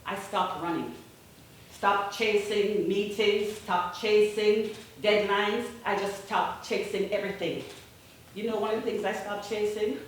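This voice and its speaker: Slow, bright-voiced woman storyteller in echoey hall. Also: mid-range voice, steady tone. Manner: deliberate, emphatic, with dramatic pauses. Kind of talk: dramatic personal storytelling on stage. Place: auditorium stage. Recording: roomy, noisy auditorium, distant sound.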